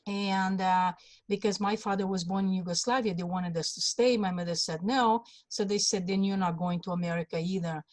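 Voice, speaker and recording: A woman in her sixties, born in Hungary, telling her life story as an interview guest with many pauses and fillers. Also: mid-range voice, steady tone, no room sound. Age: 60s. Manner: halting, many fillers and restarts. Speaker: guest, congressional candidate.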